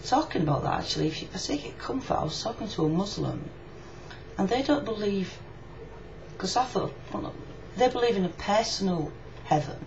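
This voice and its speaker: A Yorkshire-born woman records a personal video reply indoors, speaking casually, frankly and reflectively in her Yorkshire accent. Her medium-pitched voice is expressive, fairly quick and a little mellow. The webcam audio is muffled and lo-fi, with clear background noise.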